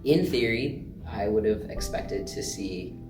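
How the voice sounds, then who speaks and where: A young adult student from Alaska speaks reflectively, pausing often. The voice sits mid-pitch and comes from some way off the mic. A roomy echo and soft guitar hang behind it. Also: recorded from a distance. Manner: reflective, with many pauses. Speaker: student interviewee. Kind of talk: casual interview answer.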